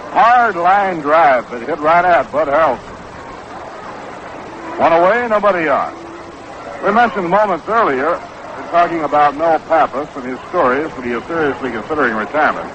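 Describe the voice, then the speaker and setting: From a stadium broadcast booth, an American man delivers baseball play-by-play like a 1960s radio commentator, his voice on the high side and fairly bright. The sound has the dull, noisy quality of a 1960s AM broadcast.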